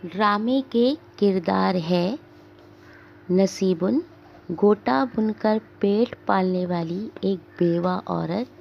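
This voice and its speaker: A woman teacher reading a drama aloud for her class, giving the scene directions slowly and deliberately. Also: medium pitch, vocal fry, slight background noise. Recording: dull lo-fi recording.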